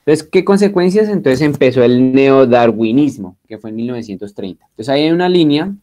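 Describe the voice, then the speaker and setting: A man's voice: medium pitch, lively intonation, fairly quick, dark tone. A man teaching a Bible class in a lecture style, spelling out terms, checking that students follow and joking along the way. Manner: chatty and joking, with many restarts.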